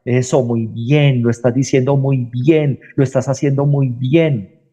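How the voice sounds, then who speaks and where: A man voicing a sly male devil who coaxes someone on in a slow, low tone. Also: fairly even intonation, mellow, lightly acted. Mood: coaxing.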